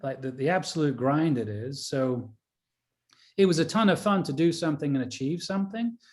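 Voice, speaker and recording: A man's voice: a little high, moderate pace, darkish tone. A man, a golf caddie and coach, talking in a casual rambling way with many fillers and restarts. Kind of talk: casual conversation. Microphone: video call.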